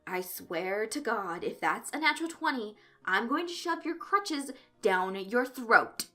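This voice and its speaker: A woman's voice: medium pitch, sing-song, moderate pace, bright, forceful tone. A woman reading a fanfic aloud, voicing an exasperated teenage boy running a tabletop game.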